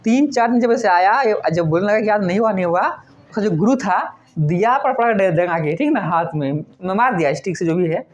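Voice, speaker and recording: A woman teaching a class through a long story, talking in a loose, conversational way. She keeps checking in with her listeners, asks questions and answers them herself, and her voice sits at an ordinary pitch for a woman. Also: animated, fairly quick, a little mellow, slight background noise. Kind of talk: storytelling lesson to students.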